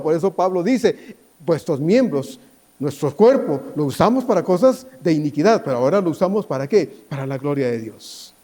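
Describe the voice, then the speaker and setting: Man, pastor preaching, pleading, fairly high pitch, dark mellow tone. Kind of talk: sermon.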